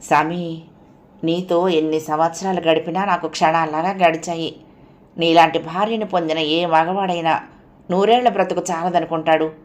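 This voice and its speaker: A woman voicing a frightened, devoted family man shaken by a nightmare, pleading and agitated, her voice raised and louder. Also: on the low side, fairly even intonation, moderate pace, lightly acted. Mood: fearful, pleading.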